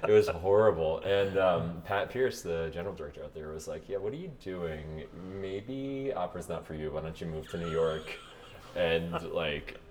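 Very deep-voiced man chatting casually. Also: moderate pace, slight background noise. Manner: relaxed, rambling, with frequent "like" and laughs. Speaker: opera singer guest. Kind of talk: casual interview chat.

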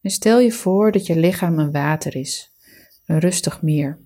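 A woman leading a guided relaxation meditation, giving calm, soothing, measured instructions. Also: lowish voice.

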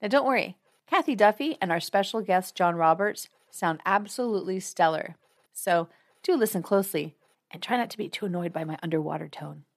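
A woman's voice: lowish voice, fairly quick. A woman hosting a podcast with a scripted introduction, recorded on a computer microphone that makes her sound muffled and slightly underwater. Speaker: podcast host. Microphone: built-in computer microphone.

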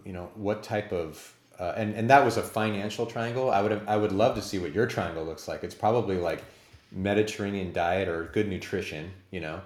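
Forties male host, very low voice, chatty and rambling, roomy echo. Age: 40s. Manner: chatty, rambling, self-deprecating. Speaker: podcast host. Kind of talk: casual interview chat.

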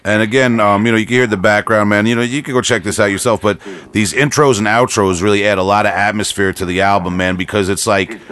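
Here the host of a relaxed music podcast rattles on as an excited fan, music sounding in the background. He speaks fast with few pauses, his fairly low, fairly bright voice keeping a fairly even intonation.

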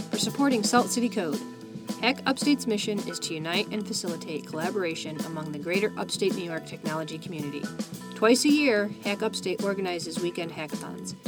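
A woman co-hosting a podcast, reading a scripted sponsor message. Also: mid-range voice. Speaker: podcast co-host.

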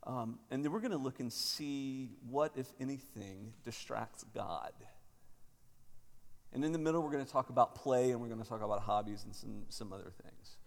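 Man, 30s, pastor, rough gravelly tone, hesitant talker, cathedral echo. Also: mid-range voice. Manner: halting, with many fillers and restarts. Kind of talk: conference talk and prayer. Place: large parish church. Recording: cathedral echo, long church reverb.

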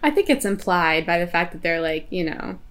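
A young woman in casual conversation, telling a story with animated voices, frequent fillers and laughter. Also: fairly low pitch, fairly quick. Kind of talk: casual chat.

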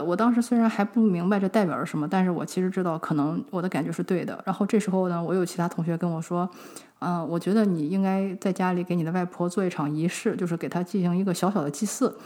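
A young adult woman from China, hosting a podcast and chatting through a personal story, acting out remembered conversations. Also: lowish voice. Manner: chatty, fillers and animated retold dialogue. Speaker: podcast host.

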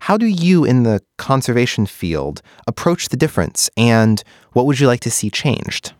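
A man hosting a podcast, narrating from a script in a smooth, measured audio-guide manner. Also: medium pitch, very animated, dry recording, studio quality. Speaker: podcast host.

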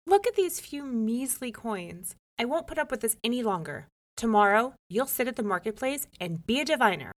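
A woman voicing a sharp-tongued, ambitious young wife in a folk tale. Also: a little high, animated, normal speed, voice pushed up. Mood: scolding. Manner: indignant, scolding.

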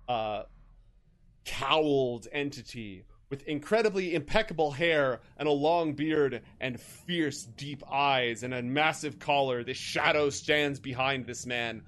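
A man acts as game master for a tabletop role-playing game. His pitch is average. He shifts between deliberate, dramatic storytelling and offhand rules talk. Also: fairly bright tone. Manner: dramatic, deliberate narration with casual rules asides.

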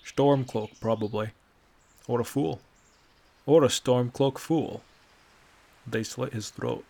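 A man's voice: mid-range voice, takes it slowly, gravelly, mellow. A man voicing a sardonic old male Nord traveler with a dry, lecturing manner, in a read-aloud fantasy story. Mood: wry. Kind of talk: audiobook character voice.

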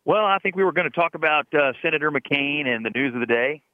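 A man's voice: on the high side, lively intonation, fast, no room sound. A man on a phone line, calling into a radio talk show as a political guest, easygoing and agreeable with frequent "uh" fillers. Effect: phone-line call-in voice. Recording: tinny phone line, dry.

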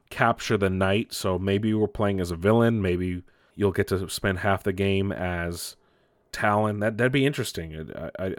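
Male podcast host, lower register, casual and unscripted, often correcting himself, recorded close and dry. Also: clear, resonant tone, no echo. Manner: loose, off-the-cuff, hesitant, self-correcting. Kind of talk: casual solo gaming and entertainment news podcast.

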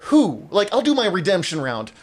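Male podcast co-host, casual and profane, a little high-pitched, quick to laugh. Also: lively intonation. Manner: rambling, swears often, laughs a lot. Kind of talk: casual chat.

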